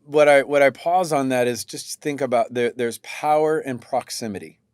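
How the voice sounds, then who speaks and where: A middle-aged man leads a relaxed podcast talk in a voice of ordinary middle pitch. He sounds thoughtful and steers the topics, often repeating a word as he works out his point. The recording is dry and close. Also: moderate pace, clean tone, no room sound. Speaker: podcast co-host, coach. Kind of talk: casual conversational podcast.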